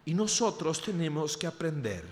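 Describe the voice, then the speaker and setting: Costa Rican male preacher, lively storyteller with a high, swooping voice. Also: moderate pace. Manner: animated, humorous anecdote-telling. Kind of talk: storytelling sermon. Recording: reverberant hall.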